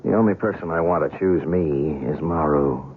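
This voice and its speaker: In this old-time radio drama, an actor with a very deep voice plays a male reporter who is shaken, skeptical and stubborn, pleading in a colloquial way at a moderate pace. The mood is troubled and doubting. Audio is noisy and thin, with a phone-quality sound typical of old radio.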